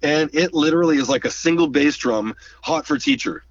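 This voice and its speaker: A man's voice: fairly high pitch, fairly quick, vocal fry. A man, a drummer being interviewed, telling stories casually and animatedly, acting out the voices of people he quotes. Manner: animated storyteller who acts out quoted voices and hums drum rhythms. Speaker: guest drummer. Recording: distant dull lo-fi mic.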